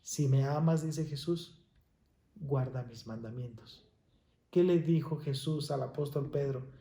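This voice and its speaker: A man preaching a slow, earnest devotional sermon and leading a prayer. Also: mid-range voice, mellow. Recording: echoey room with faint noise.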